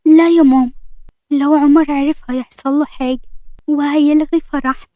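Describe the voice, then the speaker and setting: Brief: a woman storyteller doing a sick young bride, gentle and reassuring, mellow and close. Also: high voice, level tone, brisk, dry recording, natural voice. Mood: tearful. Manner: soft, reassuring. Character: young woman, ill bride hiding her sickness.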